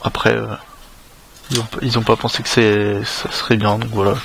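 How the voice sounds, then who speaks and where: Low, flat-voiced French man unboxing a phone. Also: normal speed, gravelly, background noise. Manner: hesitant, many fillers and restarts; casual, relaxed. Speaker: tech reviewer. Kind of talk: unboxing commentary.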